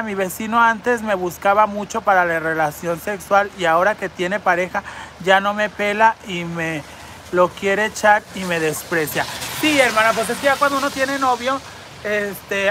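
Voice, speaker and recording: A woman's voice: medium pitch, moderate pace, bright, forceful tone, a little hiss or hum. A woman with a Mexican Spanish accent hosting a live stream, reading viewer comments aloud and answering in a brassy, campy, foul-mouthed way, speaking into a phone outdoors on a city street. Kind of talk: crude live-stream chat.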